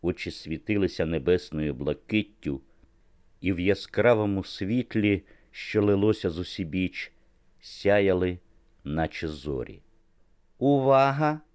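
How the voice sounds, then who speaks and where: A man reading an audiobook novel as narrator, in a measured literary manner. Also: sits low, darkish tone, dry recording. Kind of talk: scripted narration.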